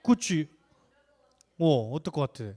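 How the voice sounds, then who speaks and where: A man's voice: fairly high pitch, slow. Young man telling children a sermon story. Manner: animated, asks the children questions. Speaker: children's ministry preacher.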